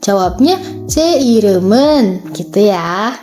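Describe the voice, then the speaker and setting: A woman's voice: mid-range voice, animated, dark tone, faint music behind. A woman teaching a language lesson, going through workbook exercises step by step in a chatty way and checking in with "okay" as she goes. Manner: explains step by step, reading Korean sentences slowly; chatty, frequent "oke" and "ya". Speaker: Korean language tutor.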